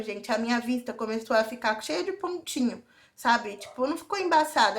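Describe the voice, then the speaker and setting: A young woman with a Brazilian Portuguese accent tells a personal story straight to her viewers in a confiding, intimate vlog. Her voice sits a little high, and she keeps pulling the audience in as she talks. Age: young adult. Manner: confiding, often addresses viewers directly. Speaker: vlogger.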